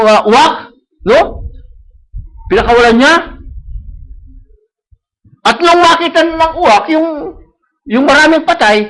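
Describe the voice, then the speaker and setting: A male preacher, his voice pitched very high for a man. He preaches to a live congregation, returning to the same phrases again and again and checking that they follow him. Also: a bit bright, low-quality recording. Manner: mixes English phrases into Tagalog, repeats key phrases; asks the congregation for agreement. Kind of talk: sermon. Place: church service.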